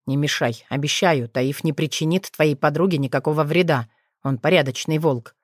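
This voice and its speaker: Brief: female narrator playing a steady, dry-voiced male dragon in an audiobook, pitched low, close dry sound. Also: moderate pace, dry recording. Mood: calm. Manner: steady, dry, slightly mocking. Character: calm, confident male dragon shifter, husband.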